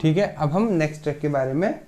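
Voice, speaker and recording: Moving quickly, with faint music in the background, a male pharmacy lecturer delivers a relaxed chemistry class. He pitches questions to the room and then answers them, explaining step by step and dropping "theek hai" again and again. His voice runs a bit high for a man.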